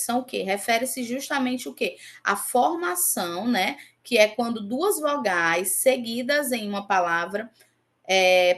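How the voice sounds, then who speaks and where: Her voice sits a little high and has some brightness as she goes through exam answers in her online Portuguese grammar lesson. She repeats example words at a slow pace and frequently checks on her students.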